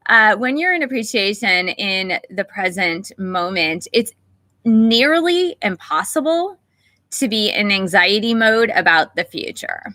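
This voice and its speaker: Bright, gentle meditation livestream woman. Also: mid-range voice, big pitch swings, no room sound. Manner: gentle, unhurried, greets chat viewers by name. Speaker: meditation teacher and channel host. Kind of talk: livestream talk before a guided meditation.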